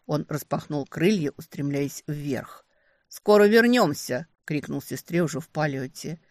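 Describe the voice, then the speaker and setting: A woman narrating a first-person romantic fantasy audiobook, expressive and lively on the heroine's lines. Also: sits low, moderate pace, no room sound.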